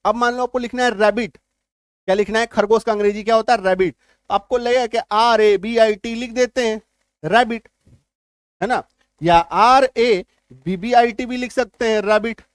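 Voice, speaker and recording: A man with a fairly high voice teaches spelling and spells words out letter by letter. He repeats each point and often checks that his students understand. The sound is dry and close, with no room echo. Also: normal speed, smooth. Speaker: English teacher. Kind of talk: spelling lesson.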